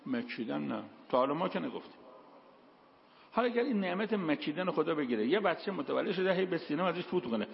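A man delivers a sermon and weaves in stories and quoted verses. His voice sits fairly high and has a gravelly edge. It was recorded in a reverberant hall with muffled, lo-fi sound and faint background noise. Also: animated. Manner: storytelling, quotes Quranic verses. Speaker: preacher. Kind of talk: sermon with told anecdotes. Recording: echoey hall, dull lo-fi sound.

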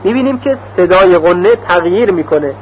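A man teaching Quran recitation rules, explaining slowly and carefully and sounding out example syllables in a deliberate, drawn-out way. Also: sits high, lively intonation. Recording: dull lo-fi recording with faint hum.

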